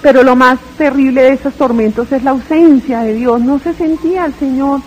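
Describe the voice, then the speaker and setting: A woman's voice: sits high, steady tone, moderate pace, a little mellow, dull audio. A woman giving a dramatic, tearful religious testimony, retelling her story with fervor.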